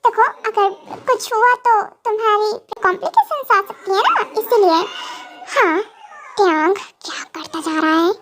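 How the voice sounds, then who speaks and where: Very high-voiced reader doing a vengeful mafia boss. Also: animated, measured pace, a bit bright, a little hiss or hum, full character voice. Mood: anxious bossy. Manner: brooding, threatening, then fussing. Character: vengeful possessive young male mafia boss. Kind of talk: amateur fan dub.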